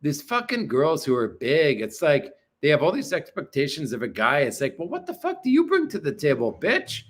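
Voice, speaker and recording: Reading viewer comments on his livestream, this host in his forties answers from his apartment with blunt, crude profanity in a casual chat. His voice sits a little high, with huge swings in pitch, at a normal speed.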